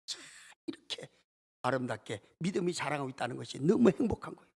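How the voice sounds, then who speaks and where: A man preaching a sermon as a church pastor, with a passionate delivery that leaps up in pitch and drops to near-whispers. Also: big pitch swings, fast, gravelly, darkish tone, breathy edge. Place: church sanctuary.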